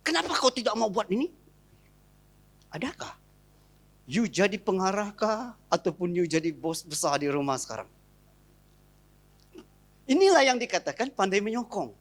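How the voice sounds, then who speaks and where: A male pastor with a Sarawak Malay accent preaching a lively, joking sermon, acting out little scenes between a wife and husband. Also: high voice, normal speed, pauses often.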